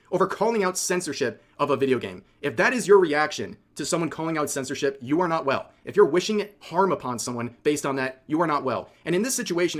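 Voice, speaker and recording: A man giving news-style opinion commentary in an emphatic way, repeating points for effect. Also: on the high side. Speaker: commentary video creator.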